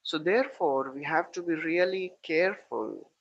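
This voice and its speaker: A man's voice: fairly high pitch, moderate pace, creaky, muffled recording. A man giving a moral lesson as a spiritual teacher, earnestly retelling an epic story and repeating phrases for emphasis.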